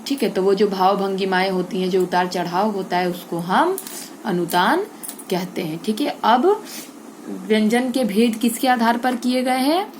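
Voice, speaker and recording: A woman teacher walks young pupils through a grammar lesson at a mid pitch, setting her own questions and then answering them. She goes one step at a time, with plenty of checks that everyone is following. A faint hiss sits under the recording. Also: a little slow. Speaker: Hindi teacher.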